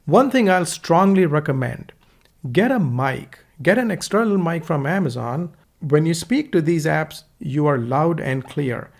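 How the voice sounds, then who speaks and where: Speaking at a measured pace into a nearby USB desktop microphone, a male course instructor with an Indian accent narrates a screen-recorded software walkthrough. His voice is a bit high and gravelly, relaxed and instructive, and he reads punctuation out loud.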